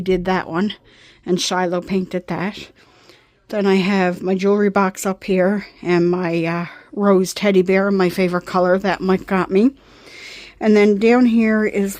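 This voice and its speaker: A woman's voice: mid-range voice, a little mellow, no echo. A woman from Nova Scotia, chatting casually in a vlog, rambling with fillers, recorded on a phone while out walking and at home. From Nova Scotia, Canada. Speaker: vlogger. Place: outdoors walking, then at home desk.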